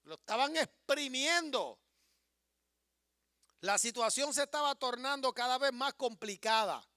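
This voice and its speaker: Impassioned preacher man, very high and bright voice, dry close sound. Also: expressive, unhurried, no echo. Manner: impassioned, swings from hushed storytelling to rising declarations. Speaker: pastor. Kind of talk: sermon.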